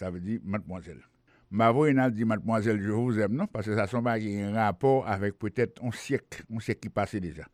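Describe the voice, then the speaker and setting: A man with a Haitian Creole accent gives an English lesson. His voice sits low, and the sound is dry and close. He explains in Creole and French, then reads example phrases slowly and a bit louder. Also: no echo. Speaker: English teacher. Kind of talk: language lesson.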